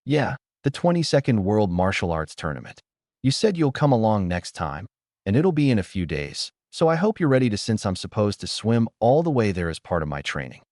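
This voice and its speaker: A man voicing an eager, cheerful young boy who excitedly pleads with his mother in a storybook reading. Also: on the low side, brisk, no echo, studio quality. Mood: pleading.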